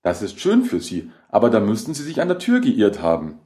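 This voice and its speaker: A suspicious homeowner in his sixties voiced by the male narrator, curt and wary, speaking in a low, dark, mellow voice with lively pitch. It is part of a spoken horror audiobook. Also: brisk. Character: wary man in his sixties at his front door.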